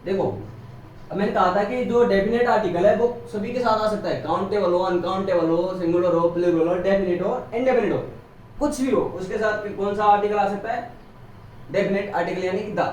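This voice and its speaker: A man's voice: sits high, a little fast, darkish tone, a little hiss or hum. Echoey teacher quizzing his class. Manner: asks questions and answers them himself. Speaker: English grammar teacher. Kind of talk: classroom lecture. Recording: very echoey room, voice from a distance.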